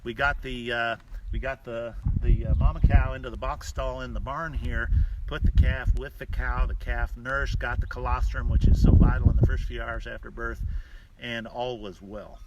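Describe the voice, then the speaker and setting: A male rancher explaining and telling stories off the cuff in a folksy, halting way with deliberate pauses. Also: mid-range voice, little pitch movement, dull audio. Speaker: rancher hosting a live stream from a ranch. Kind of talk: unscripted explanatory talk and storytelling. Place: outdoors on a cattle ranch. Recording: distant mic outdoors, clear background noise. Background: cattle mooing.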